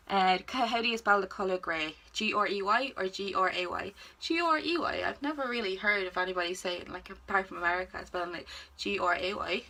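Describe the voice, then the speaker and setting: This Irish vlogger, a woman of twenty-one from Ireland, talks fairly quickly in a mid-range voice with a sharp tone. She's indoors on the floor at home, casually fielding questions with exclamations and self-deprecating humor, and the recording is poor.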